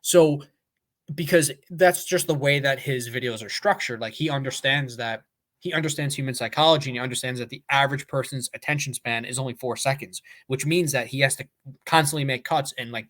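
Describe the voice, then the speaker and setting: Fast-talking man on a podcast, full of "like". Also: medium pitch, fairly bright tone. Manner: talkative, emphatic, many "like" fillers. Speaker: podcast co-host. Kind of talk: casual chat.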